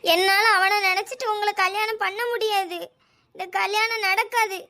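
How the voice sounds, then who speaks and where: A woman's voice: extremely high pitch, flat delivery, normal speed, bright, forceful tone, exaggerated voice. A woman voicing a tearful, stubborn young woman in a cartoon, with a Thoothukudi Tamil accent, refusing firmly. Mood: tearful defiant.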